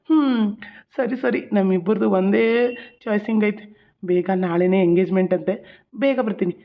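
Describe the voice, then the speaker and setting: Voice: mid-range voice, natural voice. A voice actor playing a cheerful young man in love who teases his fiancée. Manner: teasing, playful. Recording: tinny, phone-like audio.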